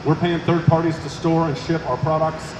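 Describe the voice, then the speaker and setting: A man from Oklahoma, a company executive, answering press questions with quick speech full of restarts and fillers. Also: on the high side, little pitch movement. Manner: fast, with many restarts and fillers. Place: inside a large warehouse. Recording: echoey warehouse with loud machine hum.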